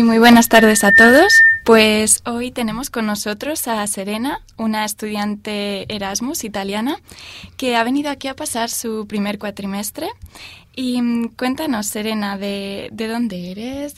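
A woman's voice: a little high, unhurried, fairly bright tone, no echo. A woman co-hosting a university radio programme, introducing the guest and prompting her with questions. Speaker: radio co-host.

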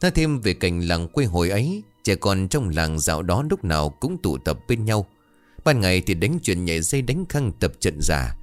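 A man narrating a folk tale as a storyteller in a lively, expressive way. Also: deep voice, normal speed, faint music behind.

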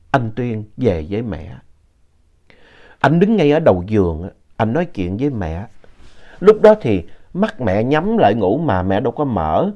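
Guy telling a ghost story, chatty and unhurried, voice goes up and down a lot, kinda muffled lo-fi sound. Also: mid-range voice, warm tone. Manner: unhurried, conversational retelling with explanatory asides. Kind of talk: narrated audio story. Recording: dull lo-fi audio.

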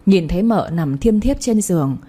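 Woman reading out a story, low mellow voice, faint music under. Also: animated, normal speed. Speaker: story narrator. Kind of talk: storytelling narration.

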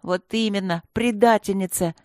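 A woman's voice: mid-range voice, normal speed, a little mellow, no room sound, clean studio sound, natural voice. A woman reading a storybook voices a prickly, scornful teenage girl who snaps with contempt. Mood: angry. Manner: snapping and contemptuous.

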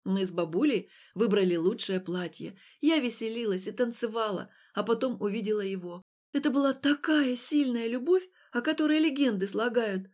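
A woman reading a first-person fantasy novel aloud in a slightly high voice. Her narration is steady and storylike. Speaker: audiobook narrator.

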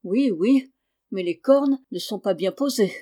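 A woman's voice: mid-range voice, expressive, a little slow, warm tone. A woman reading aloud the part of a naive male estate steward in a classic storybook. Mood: curious.

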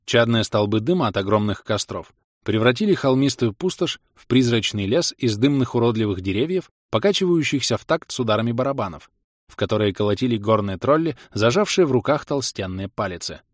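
A man narrating a fantasy audiobook with a steady, expressive reading. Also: mid-range voice, a little fast, no room sound. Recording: dry studio voice-over.

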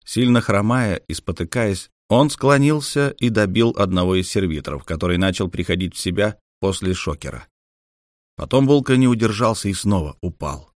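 A man narrating an audiobook in a steady, even storytelling manner. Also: on the low side, normal speed, no room sound, studio quality.

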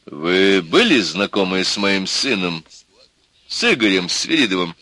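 Man playing a polite older man, slow, kindly, calm, dry close sound. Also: deep voice, dry recording, full character voice.

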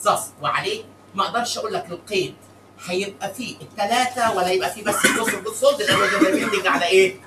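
A man with an Egyptian Arabic accent giving a classroom lecture, animated and teasing, mixing English terms into his speech. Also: high-pitched, quick pace, a crowd in the background. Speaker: accounting lecturer. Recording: echoey room miked from a distance with background noise.

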